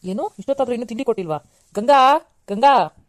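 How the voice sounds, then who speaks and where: Woman playing a young husband pleading calmly. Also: on the low side, quick pace, natural voice. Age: young adult. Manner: pleading, reasoning gently. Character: young husband and son, calm peacemaker. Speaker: cartoon voice actor. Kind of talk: cartoon serial acting.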